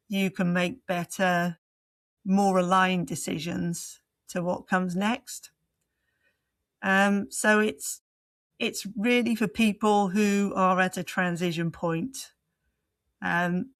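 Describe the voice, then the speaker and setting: Thoughtful, low-voiced woman coach. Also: a bit bright, smooth, no echo. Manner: thoughtful, searching for words. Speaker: leadership coach, guest. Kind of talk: reflective interview answers.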